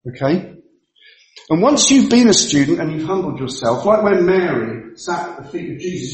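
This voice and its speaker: A man's voice: a little high, a little mellow. A male pastor giving a sermon in a church, explaining things emphatically and repeating his key points. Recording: very echoey church hall.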